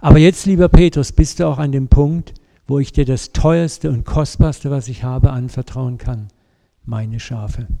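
A man preaching a sermon, telling a story with lively, vivid asides and speaking directly to his congregation. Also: medium pitch, a little slow, gravelly.

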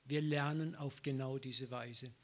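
Delivering a sermon at an unhurried pace, this middle-aged man speaks in a medium-pitched voice. His personal anecdotes come alive through acted-out conversations and frequent bursts of laughter.

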